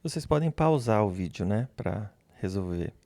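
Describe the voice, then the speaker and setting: A man teaching English grammar, speaking slowly and patiently, repeating example phrases and pausing so learners can answer. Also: on the low side, expressive, darkish tone, dry recording. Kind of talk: slow, patient classroom explanation.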